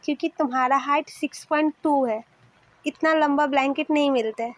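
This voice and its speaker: A woman's voice: sits high, fairly even intonation, a little fast, natural voice. Woman voicing a cheeky selfish young man. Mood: teasing. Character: teasing selfish young man, quick with comebacks.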